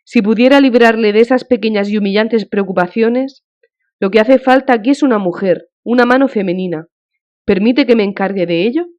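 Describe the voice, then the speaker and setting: A woman's voice: a little high, a little fast, a little mellow, close to an everyday voice. A woman reading as a fervent, devout countess. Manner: fervent, consoling, emotional. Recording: dull lo-fi audiobook recording.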